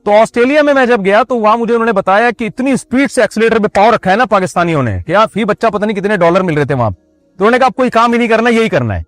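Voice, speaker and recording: A man's voice: high voice, lively intonation, racing, soft background music. A man preaching a religious sermon in a conversational way, with joking asides to the audience. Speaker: Islamic preacher.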